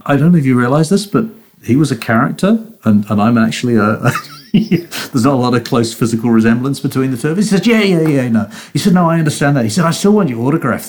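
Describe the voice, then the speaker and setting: A man's voice: mid-range voice, a little mellow. New man telling self-deprecating stories. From New Zealand. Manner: self-deprecating storyteller, frequent restarts, laughs at himself. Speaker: guest. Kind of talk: casual interview chat.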